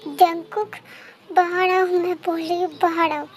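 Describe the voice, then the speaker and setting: A woman voicing a fiercely loyal young woman in a fan-dubbed story, loud, accusing and demanding. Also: very high-pitched, flat delivery, a little slow, a little hiss or hum. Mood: furious. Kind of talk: fan dub story voice acting. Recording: faint background music.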